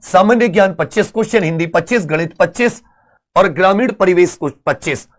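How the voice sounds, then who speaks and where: Man, high voice, earnest persuasive exam-prep teacher. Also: a little fast. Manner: earnest, persuasive, addresses students as friends. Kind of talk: animated exam-prep video lesson.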